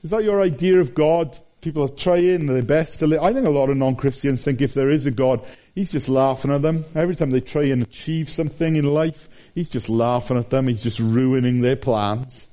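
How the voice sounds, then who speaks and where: A middle-aged man preaching a sermon, animated, with his voice rising and falling for emphasis. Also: mid-range voice, fairly quick, few pauses.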